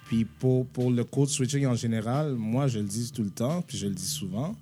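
A man's voice: medium pitch, normal speed, dark tone, soft background music. A man from Quebec on a casual podcast, talking hesitantly with restarts and stammers.

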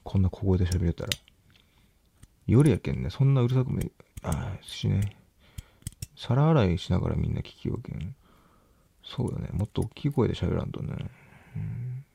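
A young man mutters nervously to himself, close to the mic, late at night at home. His voice is low, dark and gravelly, with a faint hiss of background noise. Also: lively intonation, moderate pace, pauses often. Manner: mumbling, nervous, talks to himself softly. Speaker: vlogger. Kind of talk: quiet late-night self-talk.

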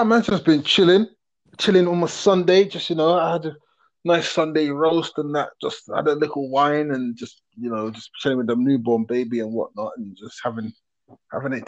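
A man's voice: on the high side, a little fast. A man in his thirties hosts a podcast in a London roadman accent. His talk is casual, matey and full of slang. The audio is dull and band-limited, like a voice call. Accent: London roadman, urban slang. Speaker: podcast host. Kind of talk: casual chat.

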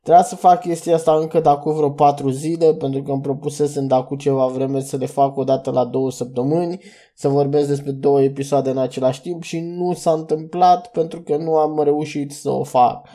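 A man's voice: fairly high pitch, flat delivery, warm tone. A young man hosting a solo podcast, reviewing cartoon episodes in a loose, rambling way with restarts and fillers. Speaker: podcast host.

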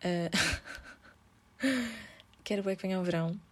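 A woman's voice: medium pitch, takes it slowly, darkish tone. A young woman in her twenties, speaking with a European Portuguese accent and hosting her own podcast. She talks alone in an informal, chatty way, full of slang and English words. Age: 20s. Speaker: podcast host. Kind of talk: casual monologue.

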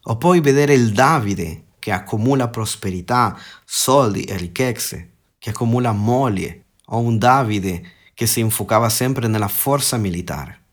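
A man's voice: on the low side, animated, measured pace. A man giving a podcast sermon, earnest, asking rhetorical questions and often restarting words mid-phrase. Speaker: preacher.

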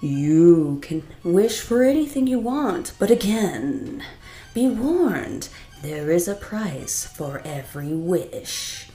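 A woman voicing a stern, sly male genie who speaks in slow, drawn-out warnings. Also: lowish voice, sing-song, mellow, reverberant, heavily acted. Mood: ominous.

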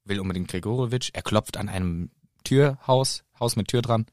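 A man's voice: on the low side, moderate pace, darkish tone, dry recording, studio quality. A man co-hosting a casual book podcast, playfully retelling scenes with frequent giggles. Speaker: podcast co-host.

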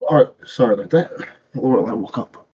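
A man co-hosting a casual podcast, calm and measured, agreeing and weighing in. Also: mid-range voice, husky. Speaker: podcast co-host. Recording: dull lo-fi mic.

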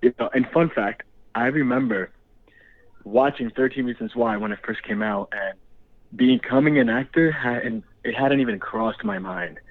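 A man's voice: mid-range voice, animated, normal speed, creaky, no room sound. A young man from the Dominican Republic, a guest actor chatting casually, laid-back and laughing often. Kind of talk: casual interview. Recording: tinny phone line.

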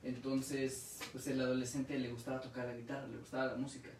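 A man's voice: medium pitch, little pitch movement, brisk, a little mellow, distant mic, slight background noise. A young Mexican man chatting casually, swearing freely and retelling stories with restarts. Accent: Mexican Spanish. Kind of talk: casual chat. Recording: echoey room, voice from off-mic.

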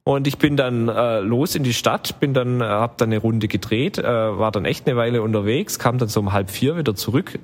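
A man's voice: mid-range voice, brisk, few pauses. A man telling a long travel story in casual chat, rambling with many fillers. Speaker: podcast co-host telling travel stories.

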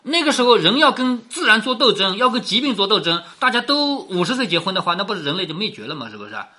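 A woman's voice: medium pitch, very animated, fast talker, sharp tone. A woman telling and explaining a classic novel in a chatty way, often asking rhetorical questions. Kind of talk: explanatory storytelling lecture.

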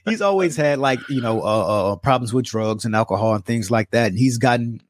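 A man's voice: medium pitch, brisk, a little hiss or hum. A man co-hosting a podcast in casual chat, talking in long rambling runs full of fillers, on a close mic. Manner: rambling, many fillers, earnest. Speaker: podcast co-host.

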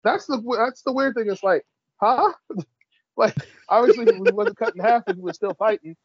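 A podcast co-host with a high, husky voice reads out list entries at a brisk clip, talking bluntly with a wry edge and casual swearing. The recording is dry, with a dull lo-fi sound.

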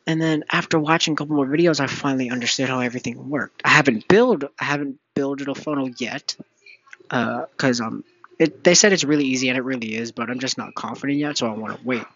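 A man's voice: medium pitch, quick pace, fairly bright tone, dry recording, dull audio. A young man hosting a casual solo podcast, rambling with many fillers and restarts. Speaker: podcast host.

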